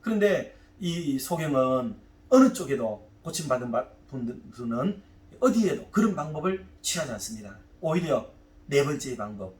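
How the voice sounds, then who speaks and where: A man pastor preaching a sermon in a church, conversational and animated, asking the congregation rhetorical questions. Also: medium pitch, normal speed. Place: church sanctuary. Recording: echoey church hall from a distance.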